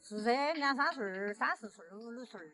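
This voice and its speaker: 70岁左右、说四川方言、嗓音偏高的农村妇女. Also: female voice, fairly high pitch, animated, brisk, bright, forceful tone. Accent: Sichuan dialect. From rural Sichuan, near the Guizhou border. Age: around 70. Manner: plain-spoken, colloquial short answers. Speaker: villager being interviewed. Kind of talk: casual chat.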